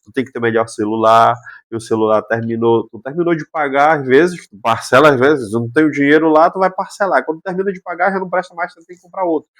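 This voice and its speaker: A man's voice: on the high side, steady tone, fast. A man, a psychologist talking casually on a podcast and explaining with rhetorical questions. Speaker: psychologist guest.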